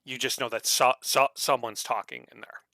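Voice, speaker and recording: A man runs a tabletop game as game master. His voice is bright and forceful, recorded very dry and close. His narration halts often, with many restarts and fillers. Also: mid-range voice, steady tone, gravelly, no echo. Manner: halting, full of fillers and restarts.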